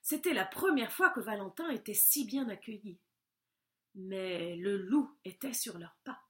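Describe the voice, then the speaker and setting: A woman reading a children's storybook aloud in a gentle, measured, expressive way. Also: medium pitch.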